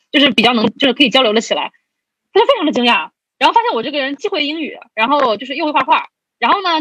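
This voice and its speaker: A woman's voice: fairly high pitch, breathy edge, no room sound. A young woman in her twenties, a podcast guest, casually telling a story and acting out the people in it, often laughing as she talks. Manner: lively storyteller who acts out both sides of conversations and laughs often.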